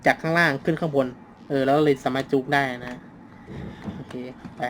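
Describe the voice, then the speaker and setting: A man hosting a horror game let's play, talking to himself as he plays. He is excitable and swears casually. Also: fairly high pitch, normal speed, slight background noise. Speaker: gaming channel host.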